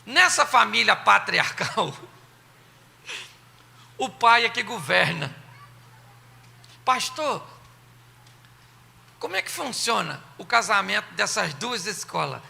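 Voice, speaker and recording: A man with a Brazilian accent preaching a humorous sermon, animated and playful, sometimes shouting. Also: high-pitched, slow pace, vocal fry, long pauses. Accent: Brazilian Portuguese. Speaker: pastor. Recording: long reverb of a church hall.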